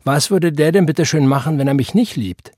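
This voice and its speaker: A man puts on a sulky teenage boy from a storybook reading, voice lifted high and loud. The boy sneers and mocks, and his voice stays husky underneath. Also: moderate pace, no room sound, studio quality, natural voice. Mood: scornful. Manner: sneering, mocking.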